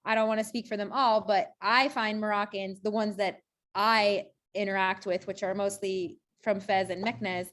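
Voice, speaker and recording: A woman's voice: mid-range voice, fairly even intonation, normal speed, fairly bright tone. A woman from the United States talking casually as an interview guest, chatty and laughing as she talks.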